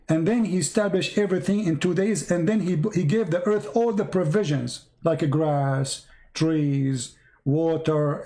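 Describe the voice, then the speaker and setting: The host of this live debate, a man who is not an English speaker and whose voice is fading, sounds mellow and on the high side. He reads verses aloud and keeps pressing a caller with repeated questions.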